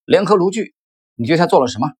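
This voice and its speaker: A man reading aloud and voicing an angry male stock trader who shouts accusations. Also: mid-range voice, animated, fast talker, breathy edge. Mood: furious.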